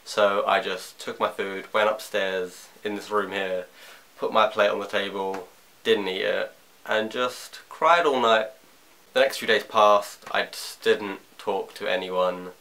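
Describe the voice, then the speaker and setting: Young man, bright lowish voice. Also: fairly even intonation. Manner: halting, reflective storytelling. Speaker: vlogger. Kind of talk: personal confessional vlog. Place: bedroom at home.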